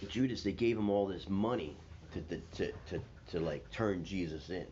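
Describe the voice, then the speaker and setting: A man's voice: low voice, moderate pace, a little mellow. A man retelling a story casually in loose, slangy speech full of fillers. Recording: slightly dull with faint noise.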